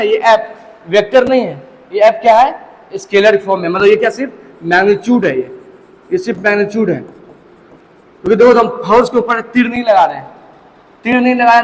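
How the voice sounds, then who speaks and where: High-pitched guy teaching physics, keeps repeating stuff, roomy echo and some hiss. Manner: repetitive, drilling points home with check-ins. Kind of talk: classroom physics lecture. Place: classroom with students present. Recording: distant echoey classroom with faint hiss.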